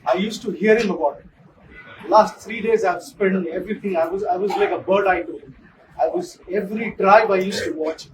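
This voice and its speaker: Emotional effusive man, high-pitched, distant noisy pickup. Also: fairly quick. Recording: distant mic with loud noise.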